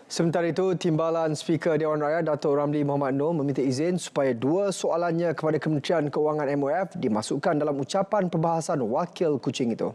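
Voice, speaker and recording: A man's voice: a little high, fast, few pauses, a little mellow. A man reading parliamentary news in a formal studio newsreader delivery. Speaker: news presenter.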